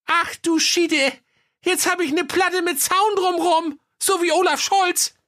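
A woman's voice: very high-pitched, fairly even intonation, slow, a bit bright, dry recording, clean studio sound, heavily acted. A woman voicing a cheeky young fairy-tale maiden in a sassy, mocking way. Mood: dismayed.

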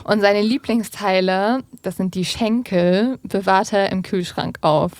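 A woman's voice: medium pitch, a little slow, no echo. Casual woman narrating true crime. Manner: casual storytelling with colloquial fillers. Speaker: podcast host.

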